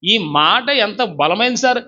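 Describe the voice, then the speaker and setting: A man's voice: high-pitched, animated, a little slow, pushed and bright. A man preaching a sermon as pastor, fervently urging the congregation to repeat his words. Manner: fervent, urges congregation to repeat after him. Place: church service. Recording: dull lo-fi recording.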